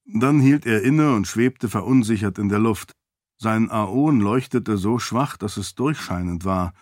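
A man narrates a novel in a calm, steady storytelling manner. His voice sits on the low side, and the recording is dry and close with no room sound. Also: unhurried, no room sound. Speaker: audiobook narrator. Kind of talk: scripted narration.

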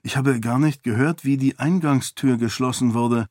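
A man's voice: mid-range voice, moderate pace, a little mellow, dry recording, studio quality, natural voice. Man reading an earnest young princess. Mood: puzzled.

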